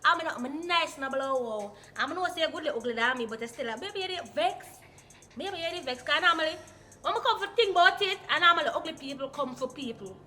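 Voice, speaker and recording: A woman's voice: high-pitched, lively intonation, a little fast, bright, forceful tone. A woman with a Jamaican accent reading out comments in casual banter and answering them with sassy sarcasm. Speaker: co-host of a YouTube reaction video.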